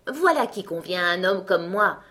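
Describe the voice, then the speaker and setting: A woman's voice: lowish voice, expressive, normal speed, a bit bright. A woman voicing a boastful, cunning little male tailor in a read-aloud fairy tale, cocky and swaggering. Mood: pleased.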